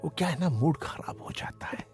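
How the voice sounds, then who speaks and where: An actor dubbing a smug, menacing male police officer who brags about killings, speaking with slow, teasing menace in a Hindi film dub. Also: fairly high pitch, lively intonation, a little mellow, whispered, faint music behind. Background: film score.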